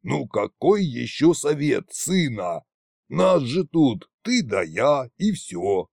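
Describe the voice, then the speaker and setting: A man voicing a gruff, lazy old undead king who drinks heavily, speaking in a drawling, slurred way. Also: mid-range voice, big pitch swings, slow pace, darkish tone, no echo, studio quality, full character voice. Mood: whiny, distracted.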